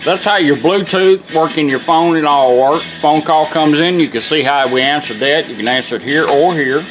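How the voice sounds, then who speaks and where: A car radio restorer shows off a product in a rough recording, music from a car radio playing behind him. His voice is a little high and moderately paced, and he keeps things hands-on, casual and homespun.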